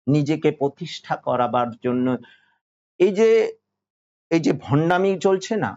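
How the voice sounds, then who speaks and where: A man with a Bengali accent giving a devotional sermon, slow and insistent, repeating phrases and singing verses. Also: on the high side, a little mellow, muffled recording. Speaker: spiritual teacher.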